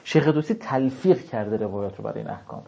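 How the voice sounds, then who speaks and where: A man giving a seminary lecture on religious law. He reads classical text out slowly, then explains it in casual speech. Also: mid-range voice, lively intonation, gravelly, mellow.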